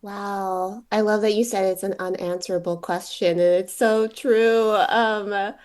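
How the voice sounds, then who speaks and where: A woman's voice: mid-range voice, steady tone, measured pace, darkish tone. A woman poet and teacher answering interview questions in an informal, reflective way, thinking aloud as she goes.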